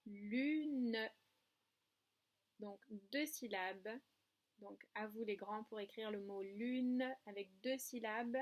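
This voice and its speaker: A woman teaching a lesson to young children from a distance, patient and clear, stressing syllables and spelling words out letter by letter. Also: mid-range voice, fairly even intonation, takes it slowly. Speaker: kindergarten teacher. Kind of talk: remote classroom lesson.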